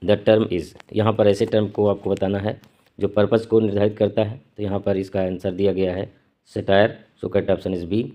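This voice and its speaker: A man teaching an exam prep lesson. He reads English questions slowly, then explains them quickly in Hindi. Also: lowish voice, flat delivery, highs cut off. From India.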